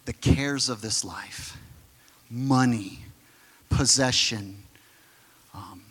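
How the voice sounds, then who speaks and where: Bright-voiced preacher in an echoing hall. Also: male voice, medium pitch, husky. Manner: animated, conversational preaching with quick asides. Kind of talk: sermon.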